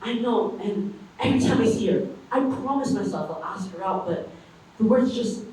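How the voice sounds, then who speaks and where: A man's voice: high-pitched, lively intonation, normal speed, darkish tone, recorded from a distance. Young man playing an insecure lad, echoey stage. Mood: flustered. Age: young adult. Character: gawky, insecure young working-class lad. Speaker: student stage actor. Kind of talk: stage musical acting. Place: school theatre stage. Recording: echoey stage recorded from afar, music.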